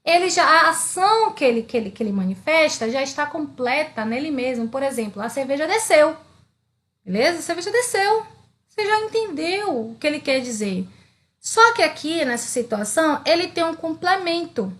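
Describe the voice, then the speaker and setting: A woman's voice: high-pitched, expressive, normal speed, a bit bright. A woman with a Brazilian Portuguese accent teaching an online grammar lesson. She asks questions and answers them herself, often checking in with her students. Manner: keeps checking in with "beleza?" and "tá?".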